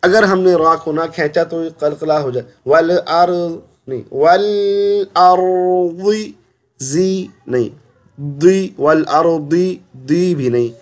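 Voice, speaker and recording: A man teaching Quran recitation with tajweed, reciting syllables slowly and stretched, then correcting mistakes in quick asides. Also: on the high side. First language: Urdu. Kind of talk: tajweed lesson, slow drilled recitation.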